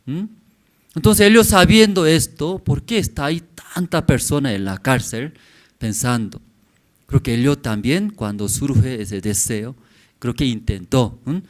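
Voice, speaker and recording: A man in his forties preaching a sermon in church. He speaks in short, halting phrases and keeps checking in with the congregation with questioning "mm?" tags. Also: mid-range voice. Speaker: pastor.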